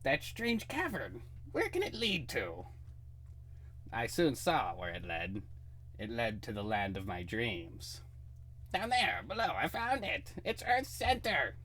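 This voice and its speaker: A man's voice: medium pitch, huge pitch swings, takes it slowly, sharp tone, exaggerated voice. A man playing a bitter, megalomaniac underground outcast villain with a grandiose, menacing delivery in a comic book reading. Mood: dramatic recounting.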